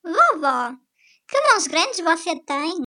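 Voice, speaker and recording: A very high, bright little girl's voice, sweet and naive. She talks eagerly, a storybook child with a sharp, shining tone. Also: big pitch swings, slow, exaggerated voice. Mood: wondering. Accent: European Portuguese. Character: small sweet naive girl, polite. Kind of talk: storybook voice acting.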